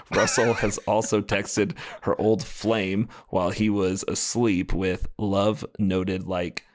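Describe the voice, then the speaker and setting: A man's voice: on the low side, level tone, slow pace, slight background noise. A man co-hosting a casual podcast, reading odd news stories aloud in a jokey way and laughing between sentences. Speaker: podcast co-host.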